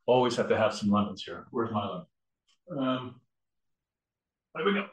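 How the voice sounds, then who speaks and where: A lowish-voiced man rambles as he cooks, explaining the recipe step by step with fillers at a moderate pace and with lively intonation. It's a casual demo recorded in an echoey kitchen.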